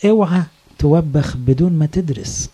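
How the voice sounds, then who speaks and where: A man's voice: on the high side, expressive, moderate pace, mellow, slightly rough. A man with an Egyptian accent, a priest, preaching a sermon in a conversational storytelling way, full of rhetorical questions. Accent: Egyptian Arabic.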